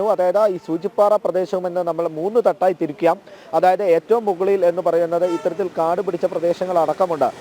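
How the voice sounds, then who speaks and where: A man giving a live field news report, speaking haltingly with many drawn-out filler sounds between phrases. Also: high voice, dark tone.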